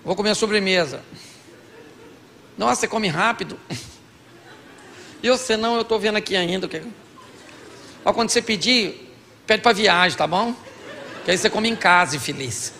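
A man's voice: high voice, moderate pace, gravelly, long pauses, bright, forceful tone, in a large hall, slight background noise. A Brazilian man preaching a comic sermon on marriage to a live congregation, acting out both partners in couples' dialogues. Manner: acts out both sides of couples' dialogues, jokey. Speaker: pastor. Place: large church hall with audience.

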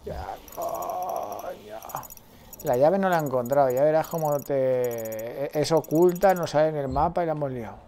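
A man, a let's play streamer giving excitable gameplay commentary and talking to himself. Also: on the high side, a little fast, few pauses, a little hiss or hum. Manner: excitable, swears freely, talks to himself.

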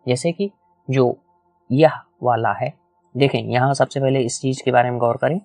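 A man's voice: mid-range voice, normal speed, darkish tone, no room sound, faint music behind. A man teaching a whiteboard lecture, explaining step by step, repeating key points and asking the class questions. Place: small room with a whiteboard.

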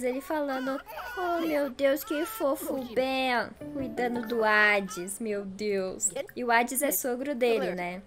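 A woman giving casual gameplay commentary, chatty and exclamatory, talking straight to her viewers. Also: on the high side. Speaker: gameplay YouTuber.

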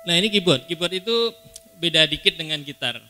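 A man's voice: a little high, a little fast, bright, forceful tone. A man, a musician on stage, explaining music patiently in a casual way with dry jokes. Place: stage at a live religious gathering.

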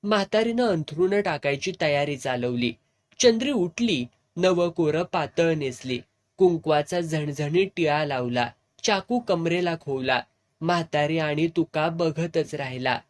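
A narrator with a rural Satara accent reads a serialized novel aloud. The story is told in village dialect at a storyteller's steady flow. It sounds like an audiobook. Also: mid-range voice, measured pace. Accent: rural Satara Marathi.

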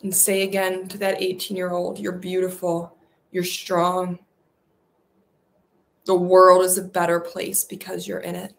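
Her lowish voice stays monotone with vocal fry as she leads a guided affirmation meditation. She speaks softly and soothingly, repeating slow phrases.

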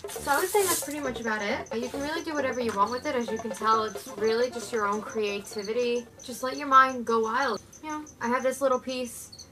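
A young woman giving a relaxed, chatty DIY tutorial with lots of filler words, sitting on her living-room floor and recorded by a camera a few feet away. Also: a little high, brisk, rough recording. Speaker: pet care vlogger.

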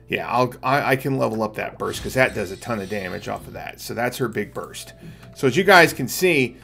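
A middle-aged gaming streamer talks viewers through his play in casual, explanatory live commentary from a room at home. His voice is lowish, creaky and a bit bright, with video game music behind it.

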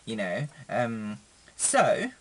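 A man's voice: very slow, slight background noise. A young man, chatting casually to his webcam in a small room, rambling with lots of fillers and restarts. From Philippines. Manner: chatty and rambling, many fillers and restarts, expressive pitch swings. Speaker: vlogger. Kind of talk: casual chat to camera.

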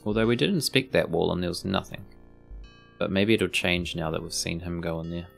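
A man's voice: sits low, fairly quick, gravelly, fairly bright tone, faint music behind. A man giving casual, joking let's play commentary as he plays a video game. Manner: laid-back, joking asides. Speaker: gaming video host.

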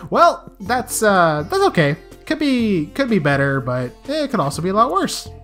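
A young woman with a scratchy, mid-range voice hosts a let's play, speaking at normal speed and very animated. She gives playful, chatty game commentary, even talking to the game characters, while soft game music plays.

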